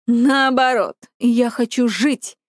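Woman reading as a smug young hero, slow and deliberate, storybook myth. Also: fairly high pitch, dry recording, studio quality. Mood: cocky. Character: young male hero, bold and mocking.

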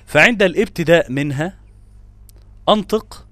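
A man's voice: on the high side, moderate pace, bright, forceful tone, dry recording. Egyptian man teaching Quran recitation rules. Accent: Egyptian Arabic. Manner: repeats example words with emphatic stress, asks and answers his own questions; switches between classical Arabic and colloquial asides. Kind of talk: tajweed lesson explaining grammar rules.

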